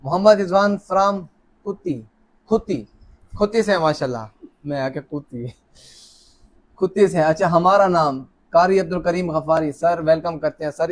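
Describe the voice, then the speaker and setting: A man with a slightly high voice chats casually on a live stream while hosting a lucky draw, alone at a camera in an office. He jokes around, greets viewers warmly, and reads the names out.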